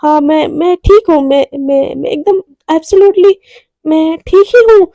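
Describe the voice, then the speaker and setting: A woman's voice: high-pitched, a little slow, mellow, dry recording, highs cut off. A woman doing a flustered stammering young woman. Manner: stammering, repeats herself nervously. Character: flustered apologetic young woman, eager to please.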